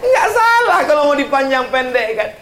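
A man giving an animated religious lecture as a preacher, breaking into slow chanted recitations. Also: extremely high pitch, echoey room, a faint crowd, a little hiss or hum. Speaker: Islamic preacher.

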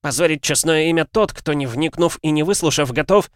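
A man's voice: on the high side, a little fast, clear, resonant tone, no room sound, clean studio sound, pitched above the performer's own voice, lightly acted. A man voicing an arrogant, cornered young noble heir who speaks in a haughty, sneering way, hissing through his teeth.

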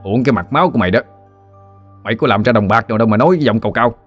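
A man voicing a boorish village man who bickers roughly in a Southern Vietnamese accent. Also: mid-range voice, lively intonation, very fast, faint music behind, close to an everyday voice. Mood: quarrelsome.

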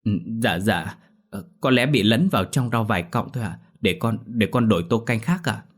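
A man's voice: on the low side, normal speed, husky. A man voicing a timid middle-aged woman cook who stammers and begs for mercy. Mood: pleading. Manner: trembling, pleading, stammering.

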